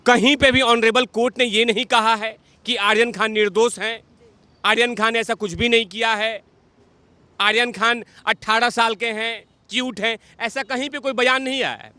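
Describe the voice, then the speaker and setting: A man's voice: high-pitched, bright, forceful tone, no echo. A man giving heated political commentary, combative and mocking, repeating phrases for emphasis.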